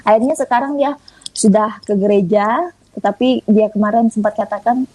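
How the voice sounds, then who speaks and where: A woman from Indonesia giving a conversational testimony in an interview, telling her story in a lively way and acting out the dialogue. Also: mid-range voice, moderate pace, poor audio. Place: online audio room.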